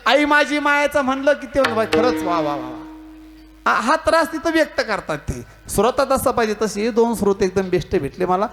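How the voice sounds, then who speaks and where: This humorous devotional sermon comes from a man with a Marathi accent whose extremely high, fairly bright voice moves briskly with few pauses. His kirtan is packed with jokes, stories, mimicked dialogue, and teasing of the crowd.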